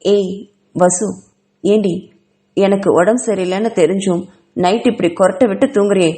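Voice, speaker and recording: A woman's voice: mid-range voice, steady tone, normal speed, dark tone, natural voice. A woman voicing an emotional young female student who confides and pleads earnestly with her friend.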